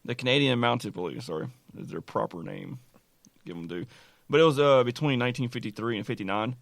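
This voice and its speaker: A man's voice: medium pitch, brisk, gravelly, no room sound. Male podcast co-host, mid range, rambling explainer, dead-dry sound. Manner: explains at length with many "uh" fillers, swears casually. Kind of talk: casual chat.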